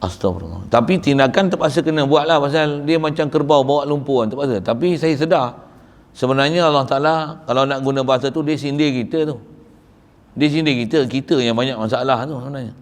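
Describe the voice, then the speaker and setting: A man from Malaysia, a religious teacher giving a tearful, fervent devotional sermon that drops to soft pleading prayers. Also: medium pitch, a little fast. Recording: reverberant hall.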